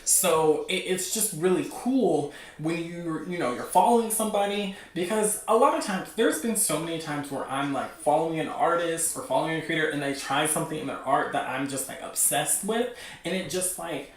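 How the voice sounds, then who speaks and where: Sitting far from the mic in an echoey room, a man hosting a laid-back livestream gushes excitedly about webcomics like an eager fan, rambling and saying "like" constantly. His voice is a little high and his speed normal.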